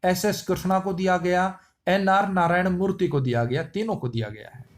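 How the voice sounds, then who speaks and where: A man's voice: sits high, normal speed. A man teaching general-knowledge quiz answers with playful wordplay and repetition. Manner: playful wordplay, repeats lines. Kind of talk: memory-trick quiz lesson.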